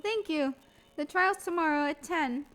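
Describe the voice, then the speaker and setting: A woman's voice: measured pace, a bit bright, faint music behind. A woman voicing a polite young apprentice medium. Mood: pleading. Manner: higher, pleading and polite. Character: earnest young female spirit medium in training, polite. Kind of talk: reading game dialogue aloud in character.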